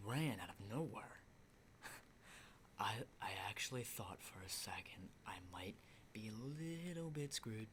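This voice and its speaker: In an ASMR roleplay, a man plays a battle-hardened but rattled zombie apocalypse survivor, rambling and swearing in hushed, halting speech. His voice is medium-pitched, with a little hiss or hum in the recording.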